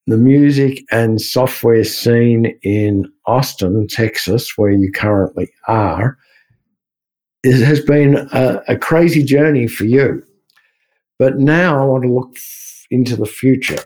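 Slow, deliberate male interview host. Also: medium pitch, mellow. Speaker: podcast host. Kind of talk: interview questions.

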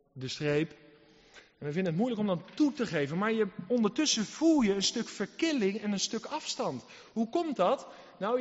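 A man preaching a sermon, emphatic and earnest, swinging between loud exhortation and quiet asides. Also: high-pitched. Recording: muffled sound in a reverberant hall.

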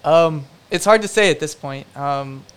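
Rambling, smooth-voiced man telling stories. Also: on the high side, a little slow, a bit bright. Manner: rambling, filler-heavy, self-deprecating storytelling. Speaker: production designer. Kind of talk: casual interview answers.

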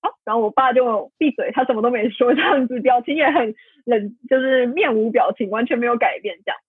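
Husky-voiced woman over a tinny line. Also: fairly high pitch, a little fast, no room sound. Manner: rambling, many fillers and self-corrections, emotional. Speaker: podcast guest. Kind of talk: candid personal storytelling. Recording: tinny phone-like line, dry.

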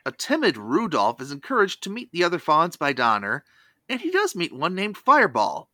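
Casting: male review host, crisp bright tone, lively intonation, dry studio-style sound, scripted recap. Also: fairly high pitch, normal speed, no echo. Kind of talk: scripted recap narration with asides.

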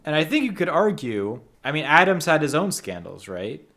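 A man co-hosting a podcast, explaining historical background in a steady, storytelling way with occasional light laughs. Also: a little high, normal speed, slight background noise. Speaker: podcast co-host. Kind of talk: casual podcast chat with history recaps.

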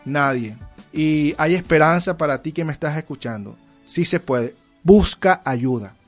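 A man's voice: on the high side, moderate pace, soft background music. A man speaking earnestly as a guest in a faith interview, preaching and telling a fable. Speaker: guest, ministry counselor.

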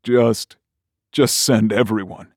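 Gruff urgent sheriff, barking orders, low voice, read by a male narrator. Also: takes it slowly, darkish tone, no echo, clean studio sound.

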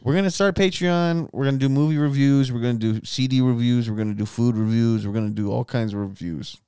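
A man's voice: medium pitch, level tone, quick pace, warm tone, smooth, no echo, studio quality. A man co-hosting a podcast, talking casually, rambling and swearing, slipping into joking impressions. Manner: rambling, crude jokes and put-on impressions. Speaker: podcast co-host.

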